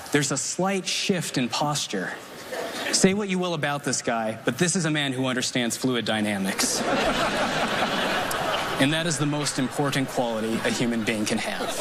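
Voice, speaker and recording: A young man performs a comedy magic act in a deadpan, dry manner. His wording is formal and precise, delivered at an ordinary male pitch. It is a live theater recording with heavy noise behind him. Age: 20s. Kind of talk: scripted stand-up magic routine to a live audience. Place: theater stage before an audience.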